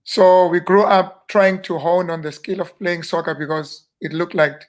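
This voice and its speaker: A South African man in his fifties, a minister, telling stories about growing up in a relaxed, self-deprecating way during an interview. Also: high voice, moderate pace. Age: 50s. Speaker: guest minister. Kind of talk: casual interview reminiscing.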